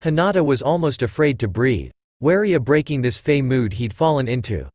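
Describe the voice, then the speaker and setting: A man narrating a fan fiction story aloud in an expressive storytelling manner. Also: mid-range voice, moderate pace, dry recording, highs cut off.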